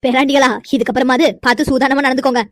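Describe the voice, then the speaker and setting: A woman's voice: high-pitched, level tone, dry recording, clean studio sound, natural voice. A woman doing a bossy old village granny. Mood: warning. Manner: scolding, teasing, quick-talking. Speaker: grandmother. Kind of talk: cartoon voice acting.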